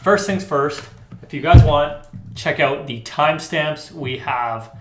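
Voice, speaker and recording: A young man co-hosting a casual sports podcast, easygoing and quick to laugh. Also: fairly high pitch. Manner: relaxed, easygoing, laughs often. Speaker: podcast co-host. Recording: roomy echoey sound.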